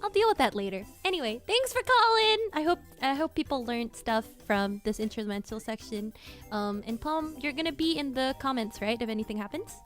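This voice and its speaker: Giggly, scattered woman streamer, pitched a bit high, with soft music behind her. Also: expressive, brisk. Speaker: cover singer and streamer. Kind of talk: casual livestream Q&A.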